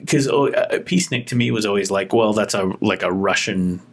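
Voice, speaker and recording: Male talk host, low-pitched, nerdy and playful, easygoing chat delivery. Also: fairly quick, husky. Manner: chatty, self-described word nerd with playful asides. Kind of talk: casual chat.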